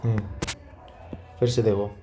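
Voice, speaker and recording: A young man teaching economics in a casual lecture style, talking fast and often checking in with the students. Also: fairly low pitch, flat delivery, mellow. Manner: repetitive, checks understanding with frequent 'theek hai'; quick, informal teaching tone, addresses students as 'beta'. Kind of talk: classroom lecture explaining diagrams.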